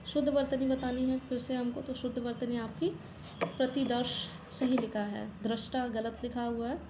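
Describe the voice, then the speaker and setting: A woman's voice: a little high, little pitch movement, moderate pace. A woman teaching exam preparation and working through a past paper, patiently repeating corrections and speaking straight to her students. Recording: echoey room, faint background noise.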